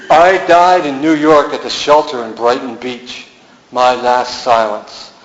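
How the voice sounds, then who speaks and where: Musing man reading poems in an echoey gallery. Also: medium pitch. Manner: musing, incantatory delivery with repeated refrains. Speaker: poet. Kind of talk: poetry reading. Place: art gallery. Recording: echoey room, dull lo-fi sound.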